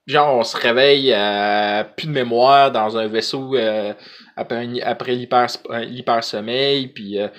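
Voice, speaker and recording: A man's voice: medium pitch, fairly bright tone. A man with a Quebec French accent chatting casually to camera as a vlogger, hesitant and rambling, in colloquial slang.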